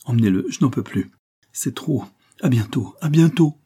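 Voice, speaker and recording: A man voicing a young grieving noblewoman, husky. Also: mid-range voice, expressive, moderate pace, warm tone, voice pushed up. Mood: overwhelmed. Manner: tender, restrained anguish. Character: young grieving woman, a banker's daughter.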